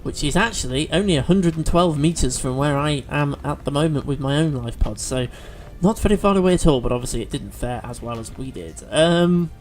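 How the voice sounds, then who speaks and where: A man's voice: on the high side, animated, brisk, hardly any pauses, faint music behind. A man chatting through a video game as he plays, thinking aloud with fillers and restarts. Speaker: let's play host. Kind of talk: gameplay commentary.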